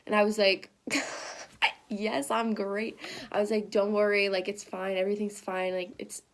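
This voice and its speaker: A teenage girl excitedly telling a personal story in a casual, rambling way, full of "like" and "um". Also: mid-range voice, moderate pace. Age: teens. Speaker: high school student telling a story.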